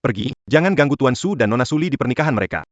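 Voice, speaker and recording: A man's voice: mid-range voice, lively intonation, very fast, no room sound, dull audio, close to an everyday voice. A man playing a groom's loyal aide in a dubbed melodrama, accusing in a stern, emphatic way.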